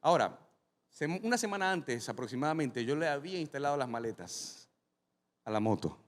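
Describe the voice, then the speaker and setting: A man, a pastor, preaching a sermon and telling a personal story, speaking straight to the congregation in a lively way. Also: mid-range voice, fairly quick. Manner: animated, addresses the congregation directly. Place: large church hall with a congregation. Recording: long reverb from a large hall.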